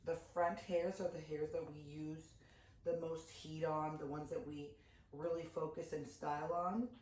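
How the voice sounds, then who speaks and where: A woman's voice: low voice, level tone, measured pace, darkish tone. A hairdresser woman with a slight lisp walks viewers through a hair care routine in a casual, chatty way. She sounds roomy and echoey, recorded at a salon shampoo bowl with faint background noise. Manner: chatty, addresses viewers as you guys. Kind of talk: hair care tutorial vlog.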